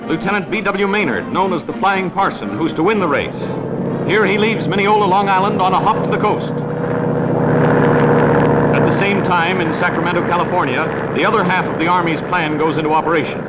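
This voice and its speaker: High-pitched old newsreel announcer man. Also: a little fast, heavy background noise. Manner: emphatic announcer delivery. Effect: old newsreel narration. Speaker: newsreel narrator. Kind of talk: 1940s newsreel narration. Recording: dull lo-fi archival sound with loud music. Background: music score.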